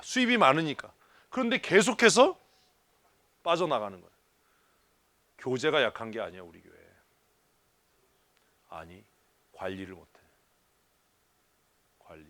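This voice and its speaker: Lively teasing male pastor. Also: mid-range voice, unhurried, long pauses, no room sound. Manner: lively, teasing, asks the audience questions. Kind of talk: church leadership seminar talk. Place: church hall.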